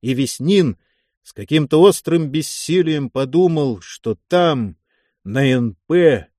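A man giving a measured, dramatic scripted narration of a war novel. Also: a little high, expressive, a little mellow, no echo, studio quality. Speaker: audiobook narrator.

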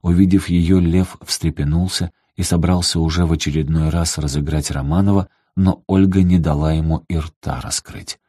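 Low husky male audiobook narrator. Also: dry recording, studio quality. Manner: steady, measured storytelling. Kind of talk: scripted narration.

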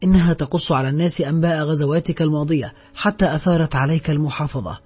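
A man's voice: a little high, steady tone, racing, slightly rough. A man narrating a novel, voicing a male café owner who apologizes and warns with caution. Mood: cautious. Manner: apologetic, warning. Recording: dull audio with soft background music.

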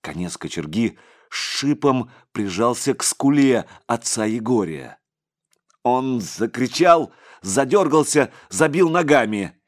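A man narrating an audiobook story in a dramatic, expressive way. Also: mid-range voice, slow.

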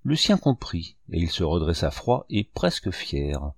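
A man narrating a novel aloud in a measured, expressive reading style. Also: low-pitched, slightly rough, dry recording, studio quality. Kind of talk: audiobook narration.

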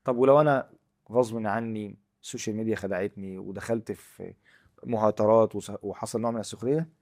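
Fast-talking Egyptian preacher, emphatic. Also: male voice, lowish voice, steady tone. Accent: Egyptian Arabic. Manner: emphatic, swings from loud stress to near-murmur. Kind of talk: Quran commentary lecture.

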